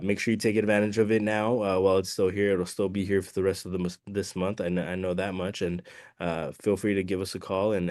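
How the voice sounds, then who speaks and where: A man's voice: fairly low pitch, darkish tone, no echo, studio quality. A man presenting a webinar with a slightly muffled voice, sounding under the weather. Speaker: guest presenter, balcony inspection company representative.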